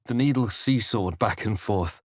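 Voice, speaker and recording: In a video game, a man plays a grave, watchful fantasy adventurer, narrating in the first person with measured, dramatic delivery. His voice is on the low side, and the recording is dry with clean studio sound.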